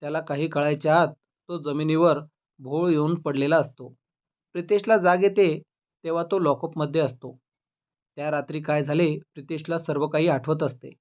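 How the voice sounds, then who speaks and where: Male storyteller, steady dramatic reading, slightly high pitch, muffled lo-fi sound. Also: normal speed. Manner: steady, dramatic present-tense telling. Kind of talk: scripted story narration.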